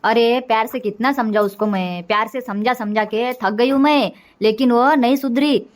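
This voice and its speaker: A scolding, high-voiced cartoon mother-in-law who complains without pause, as a woman voices her. She is a middle-aged village matriarch, bossy and aggrieved. The tone stays sharp with nagging. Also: lightly acted.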